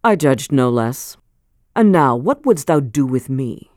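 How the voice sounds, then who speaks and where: A woman reading aloud and voicing a bitter, vengeful old man in a low, slow, menacing way. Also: sing-song, a little mellow, no room sound, clean studio sound, full character voice.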